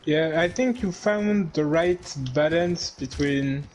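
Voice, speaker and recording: A man in a casual chat, replying slowly with drawn-out words. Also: a little high, darkish tone, a little hiss or hum, rough recording. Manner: slow, drawn-out replies. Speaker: listener in the chat.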